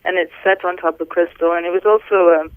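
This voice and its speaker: A middle-aged woman from Wales, a physician guest on a podcast, speaking softly and unhurriedly, with many pauses, over a phone call. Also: on the low side, fairly even intonation. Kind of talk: casual interview talk. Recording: tinny phone line.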